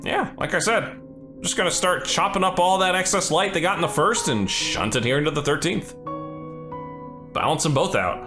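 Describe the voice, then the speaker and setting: A man's voice: a little high, expressive, moderate pace. A man doing casual let's play commentary, with informal, slangy asides. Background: game music behind the voice.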